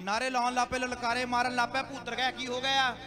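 Male pastor, high-voiced, preaching call-and-response over live music. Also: monotone, fast. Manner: scolding, rhetorical questions to the congregation. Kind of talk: Punjabi sermon with call-and-response. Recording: live church PA with music and crowd.

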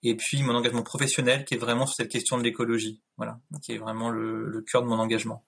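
Husky man in his thirties on a video call. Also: mid-range voice, completely flat delivery, fast, a bit bright. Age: 30s. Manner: thoughtful, many fillers and restarts. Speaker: guest. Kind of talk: casual interview talk. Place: home room, indoors.

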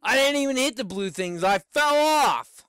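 A middle-aged man doing Let's Play commentary on a headset mic in a small home room, exclaiming and shouting as he plays. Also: very high voice, moderate pace, clean tone, no echo. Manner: excitable, exclaims and shouts while playing. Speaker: gaming YouTuber.

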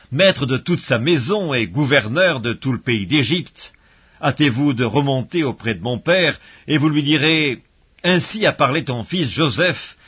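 Husky man reading scripture, lo-fi. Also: medium pitch. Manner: measured, solemn reading with pauses between phrases. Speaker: Bible reader. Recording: dull lo-fi audio recording.

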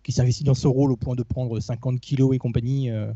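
A man with a dark, mellow voice talks through a point at length, pausing often to find words. The sound is dry and slightly muffled, like a call picked up on a computer. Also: mid-range voice, level tone, dry recording. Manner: rambling, hesitant. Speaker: film critic guest. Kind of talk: casual film podcast chat.

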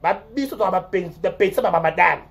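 This online show host, speaking with a Congolese accent, rambles through animated gossip commentary, repeating words and lurching from loud outbursts to mutters. The voice has medium pitch and vocal fry, and the pace is fairly quick.

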